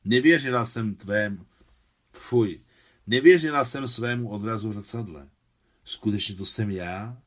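A man lending his voice to a young woman torn by love, pleading and emphatic, in an audiobook reading. The voice sits low, as he barely shifts it from his own. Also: a bit bright.

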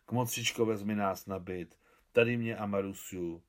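An earnest young village man from a storybook reading, as a man reads him, pleading urgently in a low, plain voice close to the reader's own. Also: steady tone, lightly acted.

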